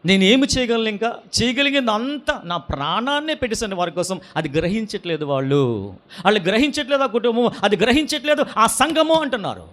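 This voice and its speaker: A man pastor preaching a sermon, asking his congregation question after question and swinging between loud and soft delivery. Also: high-pitched, animated, brisk.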